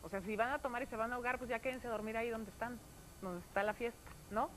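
Woman TV co-host, higher-pitched, chatty, faint background hiss. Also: fast, rough recording. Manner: chatty, animated when reading, acts out shouted story lines. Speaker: TV show co-host. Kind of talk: casual TV chat and reading aloud.

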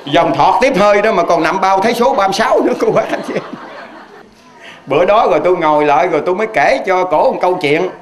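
Man, Southern Vietnamese accent, Buddhist preacher, folksy storytelling sermon, high voice, chatty rhetorical questions. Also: expressive, fast. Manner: chatty, addresses the audience directly with rhetorical questions. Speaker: Hoa Hao Buddhist preacher.

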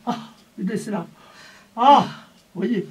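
A woman's voice: mid-range voice, slow pace, darkish tone, breathy edge. A woman voice teacher coaching a singing lesson, breaking off her instructions to demonstrate sung vowels. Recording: voice from far off the mic.

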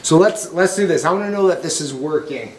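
A man's voice: fairly high pitch, expressive, a little fast. A man hosting a ghost-hunting video inside an empty school, rambling casually and talking to unseen spirits, his voice echoing heavily off the bare walls. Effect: heavy echo bouncing around an empty building. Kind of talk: casual paranormal investigation vlog. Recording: echoey empty school hall with faint hiss.

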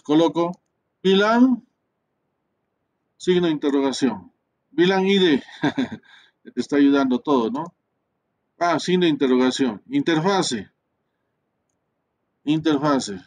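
A man walks through a networking tutorial at his computer. His voice sits a little high and he speaks slowly, pausing often. He thinks aloud, mutters to himself and keeps checking in with tag questions. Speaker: networking instructor. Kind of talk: screen-recorded tutorial.

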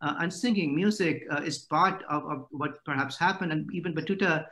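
A middle-aged man delivers an academic talk over a video call. His voice sits a little high for a man. He pauses often and fills the gaps with "uh.". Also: bright, forceful tone. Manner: hesitant, many "uh" fillers. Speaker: lecturer.

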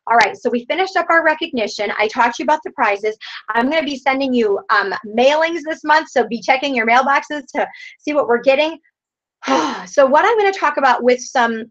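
A middle-aged woman leading a sales team training over a video call, energetic and encouraging, often calling her listeners "you guys". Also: on the high side. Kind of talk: upbeat team training talk. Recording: dull lo-fi video call audio.

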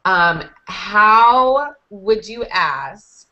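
This young woman's medium-pitched voice is bright and expressive, with a forceful tone and drawn-out words, as she encouragingly teaches conversational English to an online group. She's on a headset boom mic in a small indoor room during a group video call, and the recording comes through dull and lo-fi.

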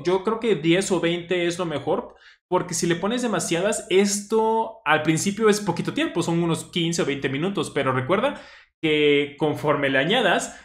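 Stuttering man in a roomy space. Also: fairly high pitch. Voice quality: stutters now and then. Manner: relaxed, thinks aloud, repeats phrases. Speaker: language teacher reviewing a study deck. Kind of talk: casual explanatory commentary. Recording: roomy echo.

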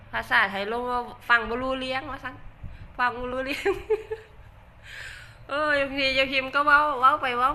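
Older Isan-accented woman for a casual livestream; bright, tense voice, a bit high, chatty and self-mocking. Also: a little hiss or hum. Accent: Isan Thai. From Northeast Thailand. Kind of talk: casual livestream chat reading comments.

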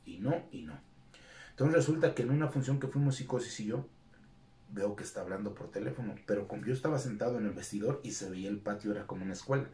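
Low-voiced Mexican man in an echoey room. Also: fast. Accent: Mexican Spanish. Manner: animated storyteller acting out quoted dialogue. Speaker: retired lucha libre wrestler, guest. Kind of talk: casual interview storytelling.

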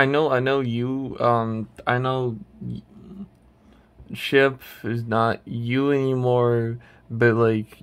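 A man hosting his channel, chatting casually while ranking a tier list, rambling and hesitant with many restarts. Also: medium pitch. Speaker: channel host.

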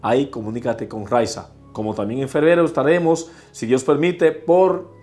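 A man's voice: mid-range voice, normal speed, darkish tone, echoey room, soft background music. A man, a priest, leading an intercessory prayer with fervent, repeated invocations.

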